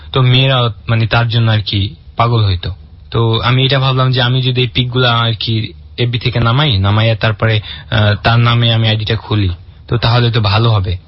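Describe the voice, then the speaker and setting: A man's voice: medium pitch, no echo, highs cut off. A young man from in Bangladesh, casually telling a long personal story with many fillers and restarts. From Barishal, Bangladesh. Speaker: guest telling his story.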